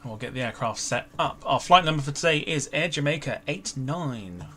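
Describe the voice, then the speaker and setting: A man's voice: on the high side, animated, normal speed, sharp tone. A man hosting a flight sim livestream in casual, informal chat, talking to his viewers. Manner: chatty, informal, greeting viewers by name. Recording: livestream with clear background noise.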